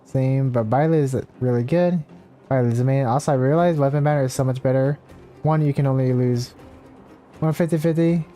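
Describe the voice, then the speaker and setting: Here a man with a warm, mid-range voice speaks a little fast while livestreaming a game. He chats casually, rambles through his thoughts, and reads in-game text aloud as game music plays.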